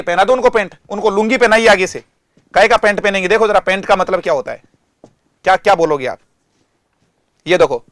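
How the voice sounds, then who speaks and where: A man with an Indian accent teaching an online language lesson in a lively, teasing, mock-exasperated way. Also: sits high, dry recording, studio quality.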